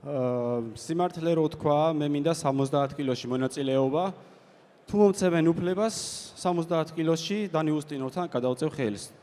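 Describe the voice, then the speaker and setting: A male competitor gives a winner's interview. He talks extremely quickly in a fairly high voice. The sound rings with the long reverb of a hall. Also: mellow. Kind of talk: post-match interview answer.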